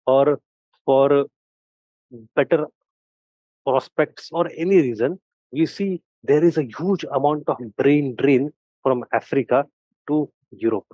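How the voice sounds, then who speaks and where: A man with an Indian accent giving a history lecture, switching languages mid-sentence and slowing down to stress key points. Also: mid-range voice, dry recording. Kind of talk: classroom lecture. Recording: dull, dry sound.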